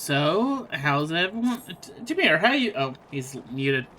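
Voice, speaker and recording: A man's voice: a little high, sing-song, unhurried, pushed and bright, slight background noise. A man streaming a video game, chatting casually with friends and laughing often. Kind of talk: casual chat while playing a game.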